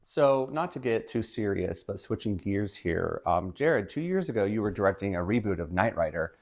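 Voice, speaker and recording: Pompous low-voiced male host. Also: sing-song, moderate pace, creaky, a little mellow. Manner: pompous, solemn delivery. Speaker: mock podcast host. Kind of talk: deadpan mock-serious interview.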